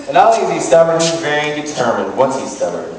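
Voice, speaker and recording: A man's voice: on the high side, sing-song, fast talker. Echoey, distant man giving a wedding toast. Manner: casual, joking delivery. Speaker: best man. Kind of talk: wedding toast, comic storytelling. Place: large room at a wedding reception. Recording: echoey hall, distant mic, noisy crowd. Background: wedding guests and crowd noise.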